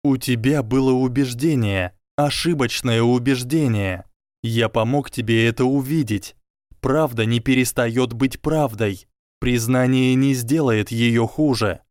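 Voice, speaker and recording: A man voicing an earnest, clever young wizard who argues calmly and persuasively. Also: mid-range voice, unhurried, dry recording, studio quality, natural voice. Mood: pleading. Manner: calm, reasoning, quietly persuasive.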